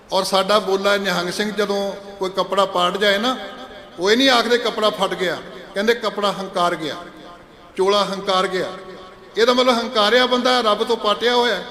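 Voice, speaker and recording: A man preaching a sermon in a large gurdwara hall. He chants scripture verses slowly and then explains them in conversational speech. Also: high voice, bright, forceful tone. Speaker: Sikh preacher giving katha. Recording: echoey hall with long reverb.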